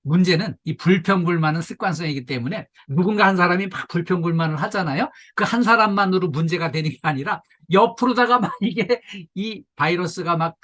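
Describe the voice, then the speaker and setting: An older man giving a workplace safety lecture to staff, lively and coaxing, now and then mimicking nagging voices and leading the room through stretches. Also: sits high. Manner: leads audience through stretches. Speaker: safety instructor.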